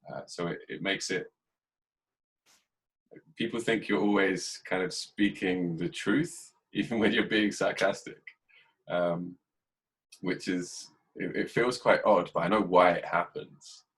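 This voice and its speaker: An English man hosting a podcast, talking in a casual, reflective way and keeping a dry, even tone even when he jokes. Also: low voice, husky, rough recording. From England. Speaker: podcast host. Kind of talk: casual conversation.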